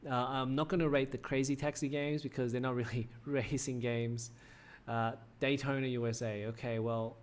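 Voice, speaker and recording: Chatty and prone to rambling, this male streamer from Australia, in his 30s, offers casual livestream commentary full of "uh" fillers and self-corrections. His voice is mid-pitched and a bit worn, as though he's slightly losing it.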